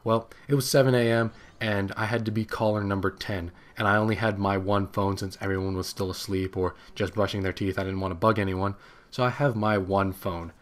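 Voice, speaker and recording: A young man in his late teens tells a personal story as commentary over gameplay. He rambles and gets excited as he goes, in a voice that sits a little low. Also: brisk. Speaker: gaming channel host.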